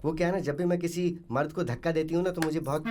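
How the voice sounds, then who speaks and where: A woman's voice: sits low, fairly even intonation, fast, soft background music, close to an everyday voice. A woman voicing Chammak Chandrika, brash and drawling. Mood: coy flirting. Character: brash pushy woman chasing marriage, husky low voice. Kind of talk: Hindi film dub. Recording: loud film score behind.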